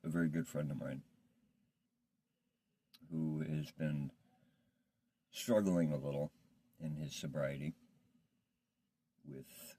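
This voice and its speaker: A man speaking without his teeth, slightly slurred, in a reflective, halting, rambling confessional monologue as a vlogger in addiction recovery. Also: fairly even intonation, warm tone. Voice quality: toothless, slightly slurred speech from not wearing his teeth; very deep, gravelly, husky. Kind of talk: casual confessional monologue to camera.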